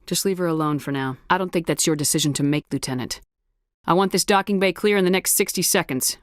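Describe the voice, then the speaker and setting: Woman acting as low-voiced Commander Shepard, blunt military officer. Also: fast, no room sound, clean studio sound, natural voice. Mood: serious, controlled, then commanding. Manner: clipped, authoritative delivery. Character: female military commander, adult, firm, blunt, no-nonsense. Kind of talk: video game dialogue acting.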